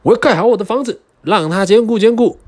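A man voicing a determined, hardworking little pig in a storybook reading, earnest and slow. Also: high voice, a little mellow, no room sound, pitched above the performer's own voice.

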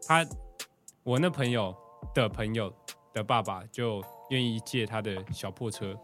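A young man with a Taiwanese Mandarin accent telling a story in casual podcast chat, animated, laughing often and acting out what people said. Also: mid-range voice. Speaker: podcast co-host.

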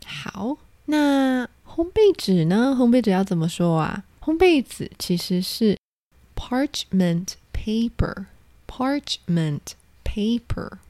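A woman's voice: a little high, sing-song, unhurried, hardly any pauses, mellow, no echo. A woman teaching English vocabulary, patiently spelling out each word letter by letter. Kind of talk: spoken vocabulary lesson.

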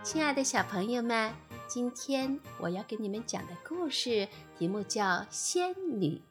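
A woman reading a children's bedtime story in a gentle, expressive way. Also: a little high, measured pace, music in the background. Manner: gentle, expressive, sing-song.

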